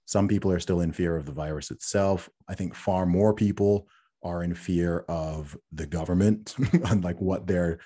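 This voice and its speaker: Deep-voiced man, dark and husky. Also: fairly even intonation, normal speed. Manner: earnest, repeats words when restarting, laughs between points. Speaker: podcast guest. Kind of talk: casual interview talk.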